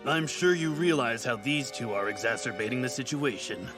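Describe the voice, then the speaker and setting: A man's voice: mid-range voice, normal speed, music in the background, lightly acted. A man playing a condescending government official in an anime dub, speaking coldly. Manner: condescending, cold. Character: smug, cold government official. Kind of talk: anime English dub acting.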